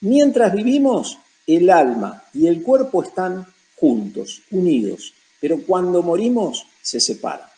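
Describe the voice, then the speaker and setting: High-voiced Argentine man teaching the Bible. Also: big pitch swings, measured pace, hardly any pauses, warm tone, low-quality recording. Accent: Rioplatense Argentine. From Buenos Aires province, Argentina. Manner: emphatic, lists points one after another.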